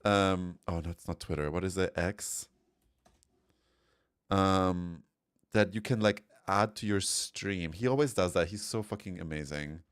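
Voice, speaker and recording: Casting: young Austrian-accented male streamer, very low voice, chatty and giggly. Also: unhurried, clean tone, dry recording, clean studio sound. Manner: chatty, laughs often, reads chat aloud. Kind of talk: casual livestream chat.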